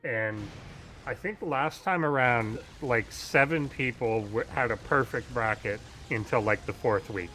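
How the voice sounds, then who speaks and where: A man's voice: mid-range voice, a little slow, bright, forceful tone, slight background noise, rough recording. A man co-casting live esports, laid-back and agreeable, often answering with "yeah" and "indeed". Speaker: co-caster.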